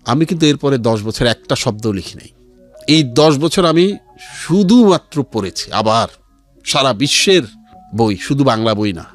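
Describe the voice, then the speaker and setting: In a radio studio, with music playing behind him, a middle-aged man with a Bangladeshi accent tells his life story as an interview guest and offers earnest advice. His medium-pitched voice has lively intonation and moves a little slowly.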